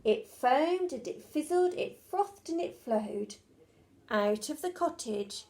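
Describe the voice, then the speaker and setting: A woman's voice: high voice, animated, slow, dark tone. A woman teacher reading a rhyming children's storybook aloud in a rhythmic, sing-song way.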